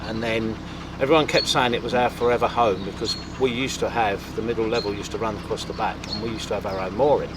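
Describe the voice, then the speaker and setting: A man's voice: fairly low pitch, steady tone, quick pace. A middle-aged man from East London with a Cockney accent, chatting easily with his partner and often asking her to confirm what he says. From East London, England. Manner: easygoing, rambling, asks his partner to confirm. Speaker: vlog co-host. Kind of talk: casual chat. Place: outdoors on a moving narrowboat. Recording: outdoor noise from boat and traffic.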